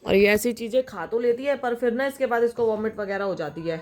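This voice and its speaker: A woman's voice: a little high, fairly quick, a little mellow, a little hiss or hum. A young woman chatting casually in a home vlog, cooing now and then to her pet dog. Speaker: vlogger. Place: at home indoors.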